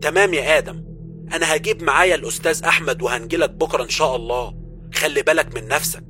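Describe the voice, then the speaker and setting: A woman's voice: low voice, rapid-fire, bright, forceful tone, faint music behind. A man voicing a worried young woman who is an expert in magic, with an Egyptian accent. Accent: Egyptian Arabic.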